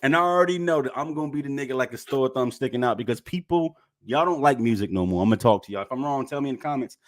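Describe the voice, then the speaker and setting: A man's voice: mid-range voice, quick pace. Emphatic, hyped-up male podcast co-host. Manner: emphatic, repeats points, profane, gets loud and animated. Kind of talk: casual chat.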